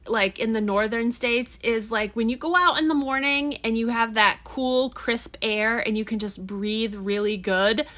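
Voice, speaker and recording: This livestream host, a woman in her thirties, speaks in a fairly high, pushed, bright voice while preparing crafts. The chat is casual and rambling, full of restarts, with a slight nasal quality from allergies.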